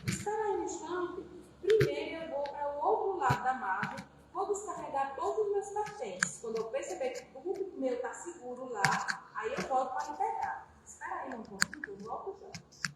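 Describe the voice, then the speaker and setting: A woman's voice: sits high, animated, moderate pace. Woman playing selfish stalling Egoism. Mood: dismissive. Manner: dismissive, putting others off. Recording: echoey hall, distant mic, noise.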